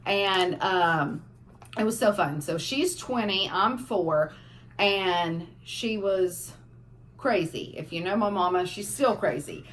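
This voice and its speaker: A young woman, casually telling family stories on a vlog, animated as the stories build. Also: mid-range voice, slow, slight background noise. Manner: animated storyteller, laughing through funny parts. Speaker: family vlogger. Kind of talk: casual storytelling.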